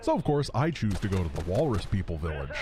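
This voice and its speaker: A man narrating a video game playthrough from a script with wry, deadpan humour. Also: sits low, fast talker. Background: clear music.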